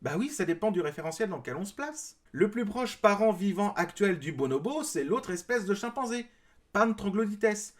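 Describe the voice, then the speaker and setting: A man's voice: high-pitched, animated, moderate pace. A man from France giving a critical commentary in reply to a clip, explaining his points with mild sarcasm. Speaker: video creator responding to a clip.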